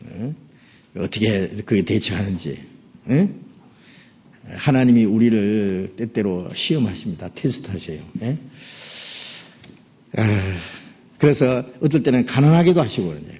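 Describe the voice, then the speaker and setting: Middle-aged male pastor, husky and lively, a sermon full of call-outs to the listeners. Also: mid-range voice. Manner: frequent "예?" and "응?" prompts to the listeners; acts out Moses' angry words in a raised voice.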